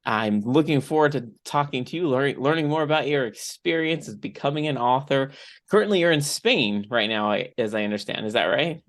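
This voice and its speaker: Still getting over strep throat, a young man hosting a podcast chats in a rambling way full of fillers, his voice slightly off. He sounds mid-range, brisk, and a bit bright.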